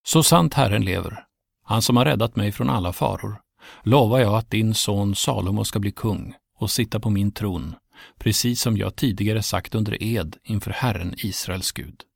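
A man's voice: fairly low pitch, gravelly, no room sound, studio quality. A man voicing aged King David giving solemn commands, in a storybook reading.

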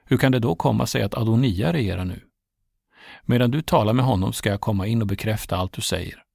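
Natan the old prophet, read by a man, presses his case in a low, deeply gravelly voice. He sounds urgent and worried, in a dry storybook telling. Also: a little mellow, no echo. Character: anxious older male prophet Natan.

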